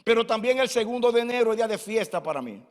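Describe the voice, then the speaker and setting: In a church hall thick with long reverb, a man in his sixties delivers a fervent, testimony-filled sermon. He speaks at an extremely high pitch, quickly, with lively intonation.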